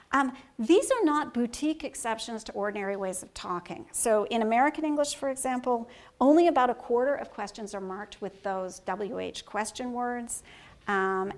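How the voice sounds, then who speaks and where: A woman giving an academic lecture, thoughtful and halting, with frequent ums and self-corrections, reading quoted passages aloud. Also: mid-range voice, creaky. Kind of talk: academic lecture on conversation analysis.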